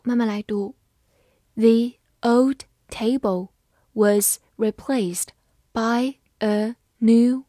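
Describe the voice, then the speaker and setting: In a scripted lesson, a woman teaches English vocabulary, spelling each word letter by letter and reading example sentences slowly. Her mid-range voice is a little mellow, and the recording is dry and studio quality.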